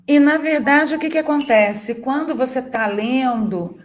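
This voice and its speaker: A woman's voice: high voice, unhurried. A Brazilian woman hosting a live chat, chatty and teasing as she reads viewer comments aloud. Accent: Brazilian Portuguese. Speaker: live stream host.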